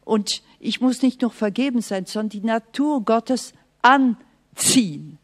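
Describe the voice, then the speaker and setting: A woman preaching a sermon in an earnest, emphatic way, sometimes dropping to soft, hushed asides and speaking straight to the listener. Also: a little high, measured pace. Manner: speaks directly to the listener, often asking "Okay?".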